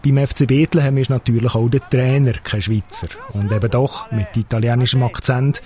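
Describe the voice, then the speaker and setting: A man's voice: mid-range voice, fairly even intonation, brisk, darkish tone, slight background noise. A man with a Swiss German accent narrating a scripted radio review as a critic.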